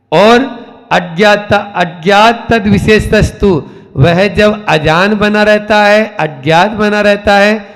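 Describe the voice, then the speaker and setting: A man giving a religious sermon as a monk. He explains scripture line by line and asks his listeners rhetorical questions. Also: high voice. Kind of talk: religious discourse. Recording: long reverb of a hall.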